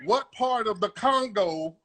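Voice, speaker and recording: In a confrontational live-stream comedy bit, a man running a call-in room grills callers aggressively, profanely and repetitively. His high-pitched voice is animated, bright and forceful, though a little slow.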